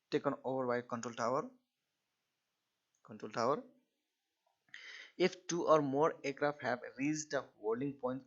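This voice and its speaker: On a dull lo-fi recording, a male lecturer with a middling pitch goes through technical material step by step, haltingly restarting and repeating phrases.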